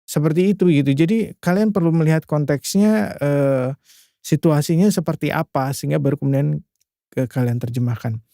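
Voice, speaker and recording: A man from Indonesia tutoring English in a loose, chatty way, piling up filler tags and restarting sentences. His voice sits a bit high but sounds warm and mellow. The sound is close and dry. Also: normal speed, creaky, no room sound. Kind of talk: casual screen-share language lesson.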